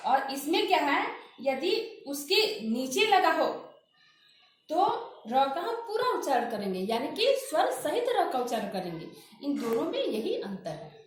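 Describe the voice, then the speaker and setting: A woman teaching a grammar lesson, slowly drilling pronunciation by repeating example words. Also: high voice, sing-song, a little hiss or hum. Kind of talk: classroom lesson with spoken examples. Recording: very echoey room.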